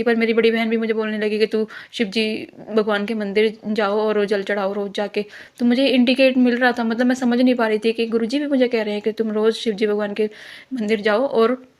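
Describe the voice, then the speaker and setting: A young woman giving an earnest devotional testimony, rambling with many restarts. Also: mid-range voice.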